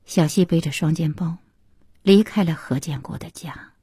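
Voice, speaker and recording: A woman narrating an audiobook in a slow, soft and intimate way. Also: low voice, breathy edge, no room sound, clean studio sound.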